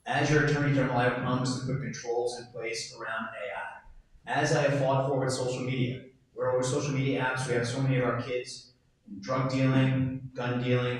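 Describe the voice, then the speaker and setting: A man candidate delivers a rousing stump-speech answer in a flat, level tone. He stands away from the microphone, and a strong echo fills the hall around him. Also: medium pitch. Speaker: political candidate. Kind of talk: forum campaign answer. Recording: echoey hall, distant mic.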